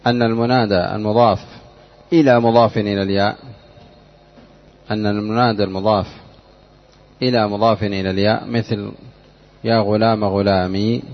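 Man teaching grammar in a lo-fi recording. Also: lowish voice. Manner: drills students with repeated questions; measured, explanatory delivery. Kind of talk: classroom grammar lesson. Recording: dull lo-fi lecture recording.

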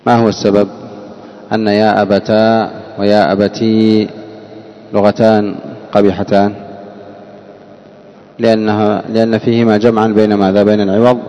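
A man's voice: fairly low pitch, level tone, normal speed, long pauses, dark tone, dull audio. A man teaching a grammar lesson, often asking his class questions and repeating the answers. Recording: long hall reverb.

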